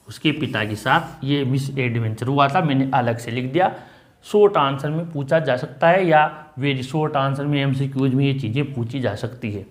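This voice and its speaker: A man with an Indian accent teaches a class, reading English textbook lines slowly and then explaining each word patiently, often repeating it. His voice is medium-pitched as he goes line by line.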